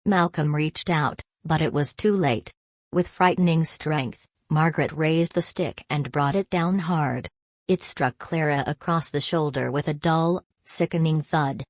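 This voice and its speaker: Low-voiced woman narrating a drama. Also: a little slow, no room sound. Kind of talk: scripted narration.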